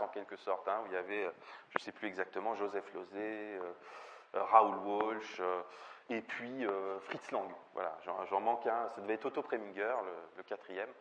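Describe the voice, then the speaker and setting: A man giving a spoken film lecture, often hesitating with fillers and restarts. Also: fairly low pitch. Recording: dull lo-fi recording with faint ambient noise.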